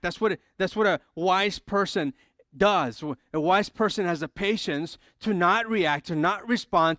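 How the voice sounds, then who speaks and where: A male pastor preaching a sermon in a conversational way, acting out everyday quotes and dropping his voice low and soft for emphasis. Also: clean tone, no room sound, clean studio sound.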